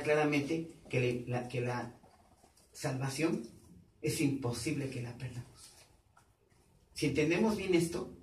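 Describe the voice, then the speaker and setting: Pastor preaching in an echoey hall. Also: male voice, mid-range voice, distant mic. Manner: quizzes the congregation with questions, repeating key words. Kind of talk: teaching sermon. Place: church hall.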